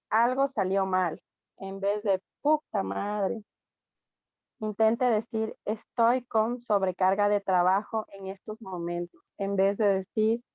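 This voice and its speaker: A woman with an Ecuadorian accent, a student reading a text aloud in class, steady with small slips. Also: medium pitch, no room sound, muffled recording. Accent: Ecuadorian Spanish.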